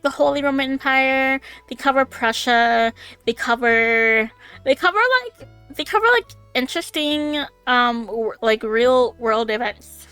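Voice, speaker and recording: A young woman in her twenties chatting on a home stream, her voice high and bright, with a smooth, clear tone. She rambles excitably through fillers and laughter and swears casually. Faint music plays behind her. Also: no room sound. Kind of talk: casual chat on a live stream. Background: faint background music.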